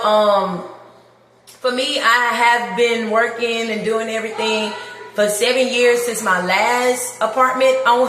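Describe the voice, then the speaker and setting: Livestreaming from her new, empty apartment, a woman shows off the rooms in a heartfelt, casual chat, laughing often. Her voice is a little high and fairly bright, with a little hiss or hum. The empty rooms give a long, echoing reverb.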